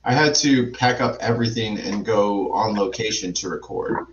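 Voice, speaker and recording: A man's voice: on the low side, moderate pace. A man chatting casually on a livestream through a faulty mic that makes him sound tinny, as if in a tin can. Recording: tinny, echoey, distant mic with loud hiss.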